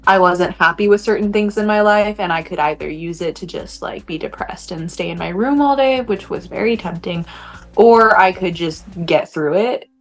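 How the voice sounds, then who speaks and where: Young female student, lower pitch, candid and chatty. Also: moderate pace, soft background music. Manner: candid, chatty with many likes. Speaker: student interviewee. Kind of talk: casual interview answer.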